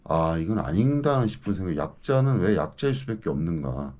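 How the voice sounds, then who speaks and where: A man in his fifties rants with mounting indignation, his pitch leaping and dropping in lively swings. His voice sits low and dark. Again and again he demands answers from the people he is addressing. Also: fairly quick. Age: 50s. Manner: indignant, ranting, keeps demanding "예?". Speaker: local news commentator. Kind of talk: ranting monologue to camera.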